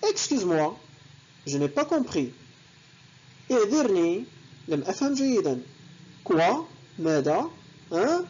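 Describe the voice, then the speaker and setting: A woman teaching a language lesson. She reads each French phrase slowly and then explains it, with a husky, lively voice. The recording sounds dull and lo-fi. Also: medium pitch.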